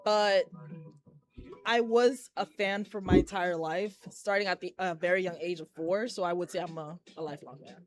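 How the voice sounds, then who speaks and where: A woman's voice: on the low side, steady tone, moderate pace. A young woman from Haiti, a professional wrestler, talking candidly and chattily as a guest in an interview inside a shop. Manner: candid, chatty, laughs easily. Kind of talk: casual interview. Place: collectibles shop, indoors.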